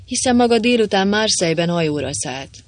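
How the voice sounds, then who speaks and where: A man voicing a calm, cheeky Russian captive who stays unbothered and teasing even at gunpoint. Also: high-pitched, voice pushed up. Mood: cool.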